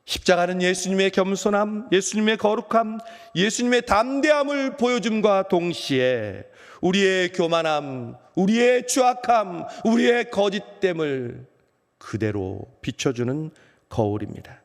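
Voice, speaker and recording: Pastor doing an ashamed apostle Peter confessing, lively rise and fall, big reverb of a church hall. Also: male voice, a little slow, exaggerated voice. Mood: remorseful. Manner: emotional, swings from loud outbursts to hushed low phrases. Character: apostle Peter, remorseful grown man, ashamed. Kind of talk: first-person dramatic monologue in a dawn service. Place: church sanctuary.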